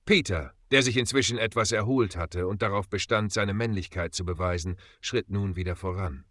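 A man reading a story aloud as the narrator in a steady, dramatic way. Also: fairly low pitch, moderate pace, no echo. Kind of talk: scripted audiobook narration.

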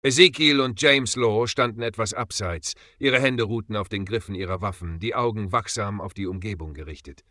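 A man narrating a dark adventure audiobook in a grave, dramatic storytelling manner. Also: fairly low pitch, moderate pace, few pauses, no room sound, clean studio sound.

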